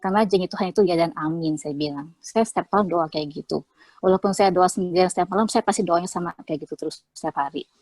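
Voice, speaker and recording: A woman's voice: lowish voice, fast, darkish tone, no room sound. A young woman speaks in a heartfelt, chatty way, full of small fillers as she tells her story. The sound is dry and close, with no room around it. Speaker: interviewee sharing a faith testimony. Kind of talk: casual testimony.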